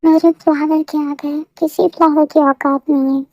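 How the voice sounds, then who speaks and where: A woman's voice: sits high, little pitch movement, moderate pace, mellow, no room sound. A woman voicing a teasing mafia boss husband. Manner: playful, flirty, boastful. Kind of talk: fan audio story. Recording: dull lo-fi dry recording.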